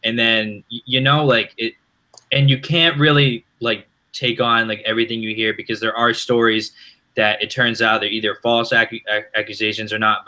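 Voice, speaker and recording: A young man co-hosting a podcast, talking in an animated, rambling way with frequent restarts. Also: on the low side. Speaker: podcast co-host. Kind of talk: casual chat.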